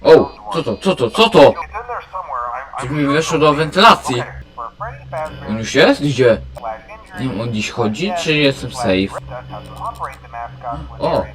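A man doing let's play commentary, excitable, often yelling at characters in the game. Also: mid-range voice, takes it slowly, long pauses, over music. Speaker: gamer.

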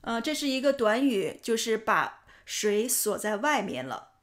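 A woman with a fairly high voice explains English words, sounds and sentence stress for learners. She talks in a patient, clear teaching manner. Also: sing-song, a little slow, a bit bright. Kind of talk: explanatory lesson narration.

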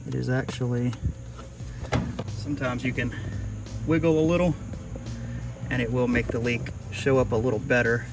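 A man's voice: mid-range voice, fairly even intonation, moderate pace, long pauses, over music. A man working as an HVAC technician, explaining a repair outdoors in a casual, plain-spoken way with fillers. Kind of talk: on-the-job explaining. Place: outdoors at an air conditioning unit.

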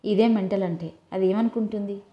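A woman voicing a brisk, teasing young woman who scolds her heartbroken friend in an audiobook. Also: mid-range voice, fairly even intonation, lo-fi sound, natural voice. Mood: bossy. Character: young woman, bossy and caring best friend. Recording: roomy echo.

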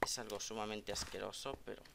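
A man giving live, excitable game commentary as a gaming video creator, joking and trash-talking opponents, recorded over loud background noise and keyboard clicks. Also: fairly low pitch, a little fast, gravelly. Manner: excitable, jokey trash talk aimed at opponents.

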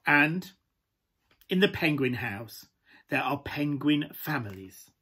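A man performing a glamorous, camp pantomime dame with a British accent and a husky, breathy voice, coaxing listeners through a children's story. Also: on the high side, animated, takes it slowly, bright, forceful tone, heavily acted. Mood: cosy, playful. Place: small room at home, indoors.

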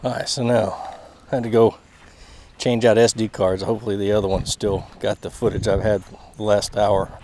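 Young guy talking through his fishing on a pond bank, gravelly voice, head cam mic, faint outdoor hiss. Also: lowish voice, moderate pace. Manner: relaxed, explaining as he fishes, chuckling. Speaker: fishing channel host. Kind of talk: casual outdoor fishing vlog with tips. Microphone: head-mounted action camera. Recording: outdoor camera mic with faint background noise.

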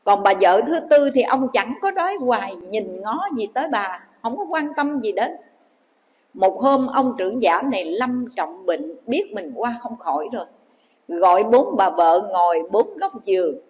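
A Buddhist nun telling a story in a dharma talk, addressing the audience directly. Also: female voice, medium pitch, very animated, measured pace, darkish tone. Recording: long hall reverb.

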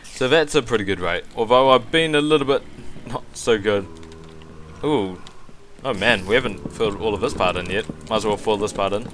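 A man hosting a gaming video, chatting casually over his gameplay, excitable, with lots of ums and laughs. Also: lowish voice, moderate pace, background noise.

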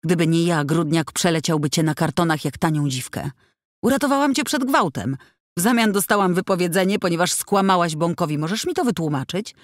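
A woman's voice: on the low side, expressive, brisk, no room sound, studio quality, close to an everyday voice. A woman reading an audiobook, voicing an indignant, outspoken working woman who speaks in a heated, accusing, insistent way. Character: indignant middle-aged woman worker, outspoken. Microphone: close studio mic.

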